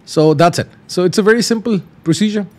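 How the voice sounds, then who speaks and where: Talking fast in a high-pitched, slightly mellow voice, the host of these flight simulator tutorials explains things casually, step by step. He repeats simple instructions along the way.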